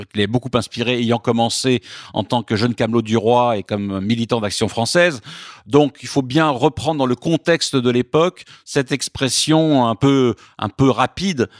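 A man, a guest author in a radio interview, explaining at length in a measured way with frequent hesitations and repeated words. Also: medium pitch, no room sound, studio quality.

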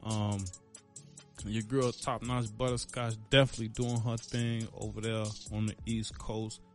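A man's voice: fairly low pitch, flat delivery, a little slow, faint music behind. A man hosting his own podcast, talking casually in a rambling, laid-back way with lots of fillers and slang, a little out of breath. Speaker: podcast host. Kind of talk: casual solo podcast outro.

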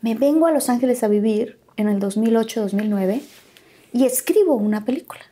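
Speaking a little fast in a voice on the high side with a breathy edge, a Mexican woman with a Mexican accent shares personal anecdotes during a relaxed interview. This actress stays animated throughout, performing the dialogue she quotes.

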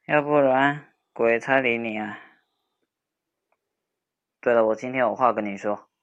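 A young man performing a role-play audio drama as a sharp-tongued, teasing childhood friend who softens into comforting, speaking with a lilt. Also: medium pitch, a little slow, muffled recording. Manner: teasing, snarky, then gently soothing.

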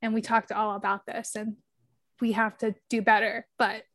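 A woman in her thirties co-hosting a podcast, teasing and quick to laugh. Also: on the high side, little pitch movement, fairly bright tone. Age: 30s. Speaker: podcast co-host. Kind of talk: casual chat.

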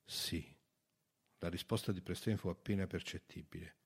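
Low-voiced man reading an audiobook. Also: moderate pace, a little mellow. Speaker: narrator. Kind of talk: audiobook narration.

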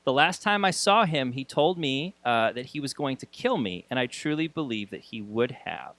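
Man, podcast host, medium pitch, conversational, halting phrasing, dry recording. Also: expressive, a bit bright, dry recording. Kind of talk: conversational podcast intro and interviewing.

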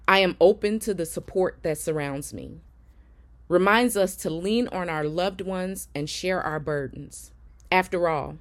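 Low-pitched woman hosting a motivational podcast. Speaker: podcast host and affirmation coach. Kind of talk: scripted motivational podcast narration.

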